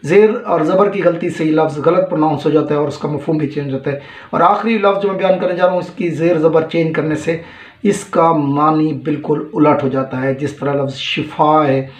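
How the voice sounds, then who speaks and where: A middle-aged Pakistani man with a Punjabi-tinged Urdu accent teaches pronunciation patiently, drawing out each word he corrects. His voice sits a little high for a man. The sound rings in a roomy, echoey space. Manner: measured, explanatory, stresses each word slowly. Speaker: retired college principal and teacher. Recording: echoey room.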